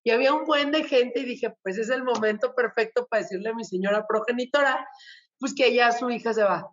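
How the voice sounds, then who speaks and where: A Mexican woman hosts a casual talk segment, chatting in a playful, gossipy way. She acts out little quotes as she tells her stories. Her voice sits fairly high, and the recording sounds a bit dull and lo-fi. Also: brisk. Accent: Mexican Spanish. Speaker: show host.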